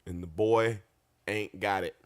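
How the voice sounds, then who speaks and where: A man's voice: lowish voice, steady tone, a little slow, smooth. A man in his thirties co-hosting a casual sports podcast, emphatic and repeating his points, swearing freely. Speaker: podcast co-host.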